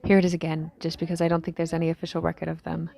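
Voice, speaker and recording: Casting: actress as tired young female apocalypse survivor, audio drama diary; low gravelly fry, halting, musing delivery trailing into breathiness. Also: completely flat delivery, mellow. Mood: somber, nostalgic. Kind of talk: scripted audio diary monologue, fiction drama.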